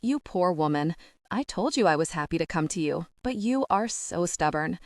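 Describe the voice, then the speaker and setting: A woman's voice: lowish voice, expressive, moderate pace, dry recording, clean studio sound, lightly acted. A woman reading the lines of a caring young woman friend in an audiobook, affectionate and teasing.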